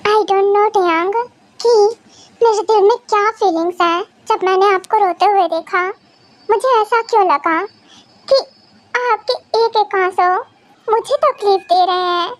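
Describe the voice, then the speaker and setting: A woman's voice: extremely high pitch, measured pace, no echo. A woman voicing a playful, caring young wife in a fan audio drama. She speaks sweetly and comfortingly. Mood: heartfelt.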